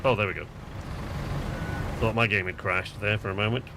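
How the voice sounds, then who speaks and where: A man's voice: lowish voice, fairly even intonation, normal speed. Guy hosting a game stream, rambly chatty commentary, game noise going behind him. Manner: chatty, rambling, thinks aloud. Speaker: livestream host. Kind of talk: casual gameplay commentary. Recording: noisy stream audio with game sounds.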